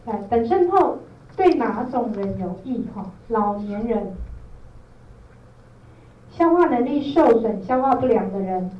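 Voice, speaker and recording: A woman's voice: fairly high pitch, expressive, measured pace, long pauses. Taiwanese-accented woman lecturing from far off. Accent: Taiwanese Mandarin. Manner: explanatory, often checks with listeners using tag questions. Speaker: product trainer, presenter. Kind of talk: informal training lecture to a group. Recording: roomy echo, distant mic, dull, faint noise.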